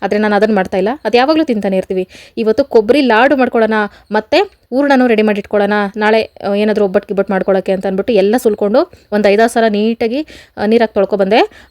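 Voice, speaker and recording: A vlogger in her thirties with a rural Karnataka Kannada accent chats casually to viewers in a home vlog, constantly addressing them as friends. Her voice is on the high side and a little mellow, with no echo.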